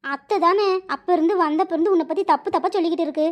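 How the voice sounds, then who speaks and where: Brief: woman doing a very high, fast-talking scornful cartoon aunt, rapid-fire taunts. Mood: scolding. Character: quarrelsome middle-aged aunt, sharp-tongued and scornful. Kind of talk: animated cartoon voice acting.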